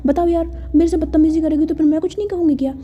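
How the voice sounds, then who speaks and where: A woman's voice: sits high, fairly even intonation, fast, mellow, voice pushed up, close to an everyday voice. A woman voicing a defiant, indignant young woman who answers back in a told love story. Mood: defensive. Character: defiant young woman, Simonika, foreign visitor.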